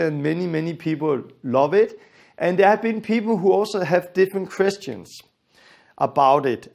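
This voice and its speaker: A man's voice: on the high side, vocal fry. A man from Denmark with a Danish accent and Danish as his first language, giving an earnest, emphatic Bible lesson that repeats its key phrases. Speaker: Bible teacher.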